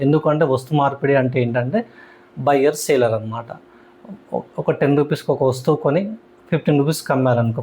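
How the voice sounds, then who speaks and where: Male astrology teacher, mid pitch, faint hum behind. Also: a little mellow. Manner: repeats key terms, restarts often. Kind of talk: explanatory lesson talk.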